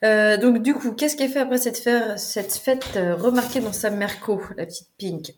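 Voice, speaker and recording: A woman's voice: a little high, moderate pace, a little hiss or hum. Chatty playful woman. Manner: chatty and playful, translating lyrics with asides. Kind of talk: casual chat about song lyrics.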